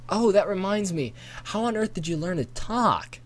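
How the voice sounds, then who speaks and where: Man doing a shy curious kid voice, pitched up, full of questions. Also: lively intonation, moderate pace. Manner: hopeful, inquisitive. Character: curious young boy, timid and eager. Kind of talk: amateur audiobook character voice.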